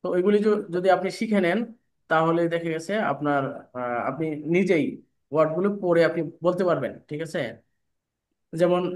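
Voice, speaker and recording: Patient man teaching pronunciation. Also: high-pitched. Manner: explains step by step, asks "ঠিক আছে?" often. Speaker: spoken English teacher. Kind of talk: online class lecture.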